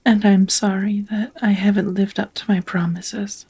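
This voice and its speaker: A woman plays a devoted, nervous vampire roommate in an intimate ASMR roleplay, speaking in a soft, breathy whisper. Her mid-range voice is flat in delivery yet halting, earnest, and tender, with an apologetic, pained mood.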